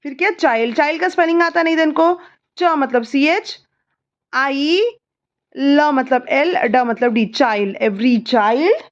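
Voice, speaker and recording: A mother with an Indian accent tutoring her child through a homework lesson, spelling words letter by letter and repeating answers slowly. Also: high voice, expressive, muffled recording.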